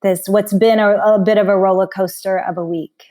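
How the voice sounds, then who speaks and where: A woman in her forties, a coach and author, chatting as a podcast guest in a frank, animated way, laughing and swearing freely. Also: mid-range voice, moderate pace. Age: 40s. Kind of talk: casual chat.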